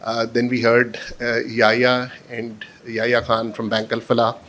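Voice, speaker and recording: A man with a Pakistani accent moderating a panel, introducing guests informally in a halting way with frequent pauses. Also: mid-range voice, monotone, a bit bright, slight background noise.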